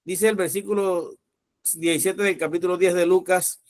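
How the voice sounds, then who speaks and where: High-voiced preacher man, emphatic. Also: fairly even intonation, normal speed, darkish tone, no room sound, studio quality. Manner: emphatic, commanding preacher who acts out pleading voices. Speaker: pastor. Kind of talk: sermon.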